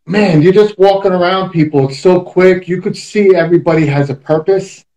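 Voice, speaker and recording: A New York man in his thirties hosts with a chatty, joking manner. His voice sits a little higher than most men's and comes over a video call. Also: moderate pace, mellow, lo-fi sound. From Queens, New York. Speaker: talk show host. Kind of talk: casual interview chat.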